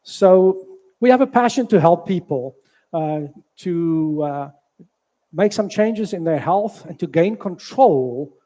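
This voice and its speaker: A slightly high, mellow voice comes from a South African doctor in his sixties with a local accent. He gives a hesitant health talk at a church hall, peppering it with fillers.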